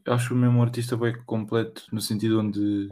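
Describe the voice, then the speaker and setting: A man's voice: on the low side, little pitch movement, brisk, warm tone. A young man chatting casually in slangy, somewhat hesitant phrases. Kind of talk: casual chat.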